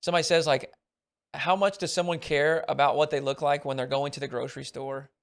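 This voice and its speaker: A man's voice: fairly high pitch, fairly even intonation, brisk, gravelly. An American man hosting a podcast, musing in a thoughtful, reflective way. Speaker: podcast host. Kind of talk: casual podcast chat.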